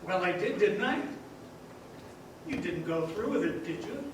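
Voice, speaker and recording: A man's voice: high voice, animated, unhurried, background noise. A man playing an eager, innocent old apprentice angel in a live radio drama, earnest and chirpy. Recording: echoey theater stage from a distance.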